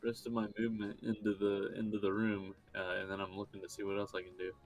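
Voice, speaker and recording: Low-voiced casual male player. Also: monotone, fast, soft background music. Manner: casual, swears. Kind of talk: casual game chat.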